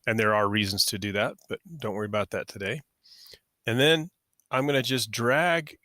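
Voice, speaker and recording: A man teaching 3D software in a casual, step-by-step screen tutorial, talking through each click and correcting himself as he goes. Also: medium pitch, no echo, studio quality. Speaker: software instructor.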